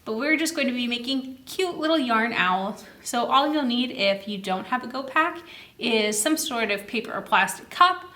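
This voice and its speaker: A woman with a slightly high, bright, forceful voice hosts a children's story time at a normal, animated pace. She reads aloud and speaks directly to young listeners, throwing in questions and prompts as she chats.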